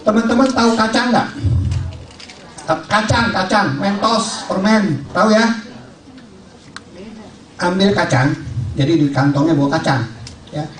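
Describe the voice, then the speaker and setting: A man's voice: high voice, measured pace, long pauses. A man giving a jokey motivational training talk to salespeople, asking the audience questions and acting out little scenes. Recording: echoey room, voice from far off.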